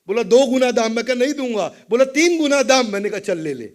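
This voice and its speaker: Brief: a male motivational speaker, high-voiced and theatrical, voicing the characters in his stories. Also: animated, fairly quick. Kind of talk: motivational storytelling talk.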